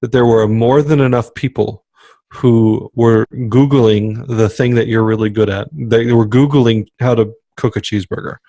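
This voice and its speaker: A man co-hosting a podcast in a casual, emphatic way. He keeps circling back to his point like a motivational speaker. His voice sits at an ordinary middle pitch and is recorded close and dry on a studio mic. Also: steady tone, normal speed, mellow, dry recording. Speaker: podcast co-host.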